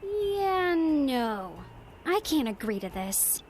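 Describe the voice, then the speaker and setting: Fierce young rebel leader, high lively voice, slow and blunt, game music. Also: female voice, heavily acted. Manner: blunt and sharp-tongued.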